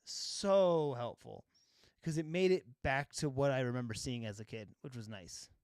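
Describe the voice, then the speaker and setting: A filmmaker live-streams his color grading, chatting casually in an animated, brisk, medium-pitched voice. He rambles with plenty of fillers, laughs often, and swears now and then. The sound is clean studio quality with no echo.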